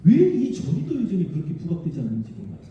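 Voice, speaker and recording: Male history lecturer, lively and emphatic, dark voice, heard from afar in a booming hall. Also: fast, dull audio. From Korea, Honam region. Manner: animated, emphatic, chatty with the audience. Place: large civic auditorium. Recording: distant, very echoey hall sound.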